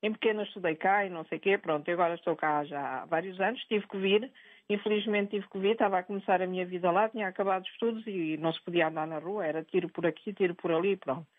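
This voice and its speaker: A woman's voice: on the low side, fairly even intonation, fast, no echo. An older retired woman calling in to a TV news show, talking insistently and repeating herself as she makes her point. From Angola. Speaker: caller. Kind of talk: phone-in opinion. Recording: tinny phone line.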